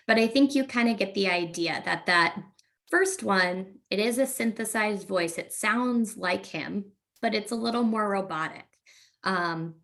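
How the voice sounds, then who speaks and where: In a webinar presentation, a female speech-language pathologist explains in a laid-back style, frequently using fillers. Her voice sits on the low side.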